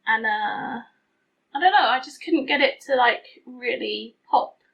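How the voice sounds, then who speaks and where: Speaking to camera in an unhurried, rambling way, this woman beauty vlogger is casual and self-deprecating, her fairly high voice marked by vocal fry. She's recording in a hot room at home with the window open, and the sound comes across a little tinny.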